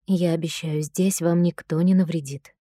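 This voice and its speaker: Kind dignified noblewoman, soft warm voice, calm even delivery, mellow tone, audiobook. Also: lowish voice, measured pace, no echo, studio quality. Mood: gentle pleading. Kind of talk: audiobook character voice.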